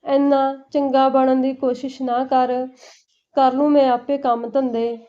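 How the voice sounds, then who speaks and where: A woman's voice: sits high, level tone, a little slow. A woman voicing a sullen, grumbling young sister-in-law who talks curtly. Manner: curt, grumbling. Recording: dull lo-fi recording.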